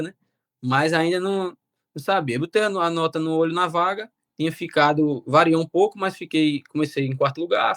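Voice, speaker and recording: A young man, telling his story as a guest in a casual, animated way. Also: fairly high pitch, dry recording, studio quality. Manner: animated, quotes himself and relatives. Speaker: interview guest.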